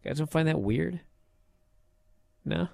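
A man hosts a sports talk show in a slightly high voice. He talks casually and insistently, stressing his opinions, and the sound is dry. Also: lively intonation, measured pace, gravelly, darkish tone, no room sound.

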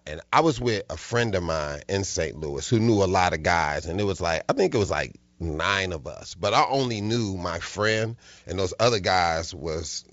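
A middle-aged man, a comedian, telling stories in a casual interview, animated and often laughing. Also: low-pitched, no room sound, highs cut off. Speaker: comedian guest.

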